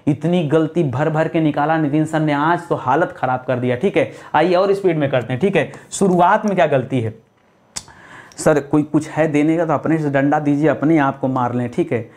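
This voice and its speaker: A man with a fairly high voice teaches Hindi spelling for exam candidates. He keeps asking his students questions, answers them himself, and stretches out the key words as he goes. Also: darkish tone. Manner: repeats questions to students, addresses them as friends; explains patiently with drawn-out key words. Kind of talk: exam-prep spelling lesson.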